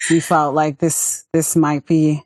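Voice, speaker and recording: A woman's voice: low voice, slow, no echo. Chatty woman host, dry close sound. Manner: lively, chatty, animated when recalling. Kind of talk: interview.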